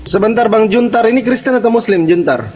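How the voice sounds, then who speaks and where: A man's voice: high voice, animated, a little fast, a little mellow, a little hiss or hum. A man moderating an online debate, politely greeting the guests. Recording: long reverb.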